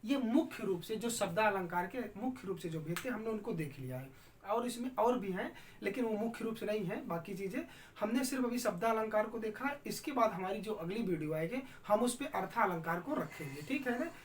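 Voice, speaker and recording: Woman, teacher, patient explanatory lesson, mid pitch, distant mic, faint background hum. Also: animated, fairly quick. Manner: patient, checks in often with "ठीक".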